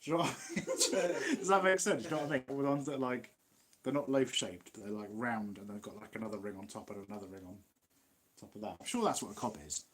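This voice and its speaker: A man's voice: lowish voice, quick pace. A man with an East Midlands English accent, hosting a casual live Q&A, chatty and rambling, laughing often. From Nottinghamshire, England. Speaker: livestream host.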